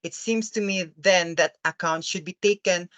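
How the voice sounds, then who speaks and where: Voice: mid-range voice, fairly even intonation, moderate pace, fairly bright tone, no echo, highs cut off, natural voice. A performer in a dramatic stage-play reading, playing an earnest, anguished father who speaks formally, with hesitant, pleading courtesy. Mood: courteous, troubled.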